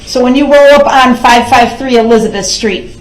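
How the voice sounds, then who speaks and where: A woman's fairly high voice rings in an echoey courtroom. She is a prosecutor examining a witness, putting formal questions in a deliberate way. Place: indoors in a courtroom.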